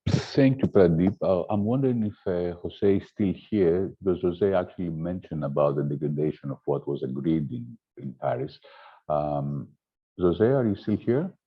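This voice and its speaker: A man moderating an online panel, relaxed and using fillers as he hands over to speakers over a video call. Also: sits low, normal speed, slightly rough, phone-quality sound.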